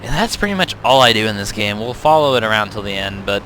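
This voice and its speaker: A man's voice: fairly low pitch, sing-song, fast, slight background noise. A young man casually commenting over replays of his own tank battles, chatty and self-correcting, with frequent ums. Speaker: game reviewer. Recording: tank game sounds loud behind voice.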